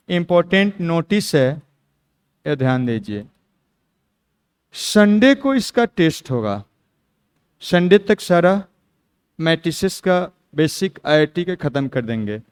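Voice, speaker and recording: A middle-aged man gives a classroom maths lecture. He speaks in a fairly high, smooth and clear voice. He repeats his key instructions with steady emphasis. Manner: repetitive, emphatic instructions to students. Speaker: maths teacher.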